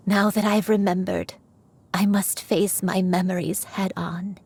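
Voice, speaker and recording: A woman's voice: medium pitch, steady tone, measured pace, a little mellow, slight background noise, natural voice. An actress voicing an elderly grandmother who is secretly a crane spirit, speaking tenderly and with remorse. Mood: resolved. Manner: tender, sorrowful, confessional. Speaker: game character. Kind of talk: dubbed game dialogue.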